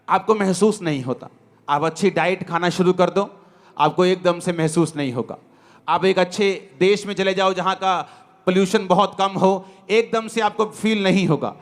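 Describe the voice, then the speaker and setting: A man pastor, preaching a sermon and retelling Bible stories with English words mixed in. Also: high-pitched.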